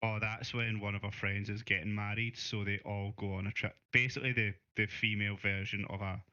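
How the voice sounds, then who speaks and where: A Scottish man co-hosting a casual gaming podcast, relaxed and chuckling with playful asides. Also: on the low side, fairly quick, dry recording, lo-fi sound. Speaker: co-host.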